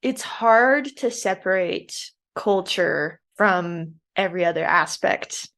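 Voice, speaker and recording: A woman co-hosting a casual podcast, chatting and reading a scripture passage aloud in an even storytelling tone. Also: on the low side, slow pace. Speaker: podcast co-host.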